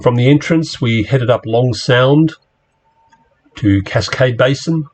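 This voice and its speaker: A man giving a rambling, relaxed slide-show talk to a club, with plenty of fillers as he steps through his pictures. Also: mid-range voice, slow. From Australia. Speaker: club presenter.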